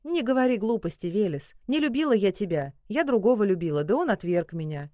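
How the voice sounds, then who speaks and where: A woman's voice: medium pitch, sing-song, brisk, warm tone, dry recording, studio quality, natural voice. Woman reading as Mara, a haughty winter maiden. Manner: haughty, scornful. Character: cold proud young winter maiden queen.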